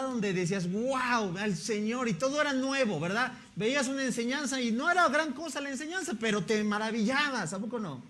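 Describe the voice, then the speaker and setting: A man's voice: sits high, a bit bright. A male pastor, preaching a sermon in a conversational way and often asking the congregation rhetorical questions.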